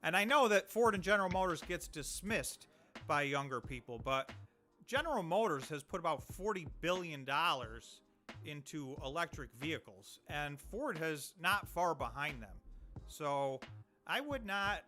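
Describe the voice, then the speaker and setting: A man from upstate New York co-hosting a casual livestream chat about stocks, explaining in a measured way while thinking aloud. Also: on the high side, expressive, pushed and bright, faint music behind. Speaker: co-host.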